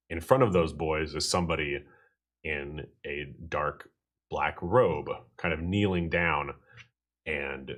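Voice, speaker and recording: A man with a very deep voice runs a tabletop game as game master on a live stream. He describes the scene unhurriedly, pausing and restarting as he goes. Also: fairly bright tone. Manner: slow, halting scene description.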